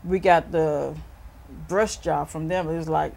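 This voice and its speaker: A middle-aged woman speaking in an interview with a fairly low voice, halting, restarting and repeating words as she recounts events. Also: steady tone, creaky, a little mellow. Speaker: victim's mother interviewed. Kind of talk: emotional interview recollection.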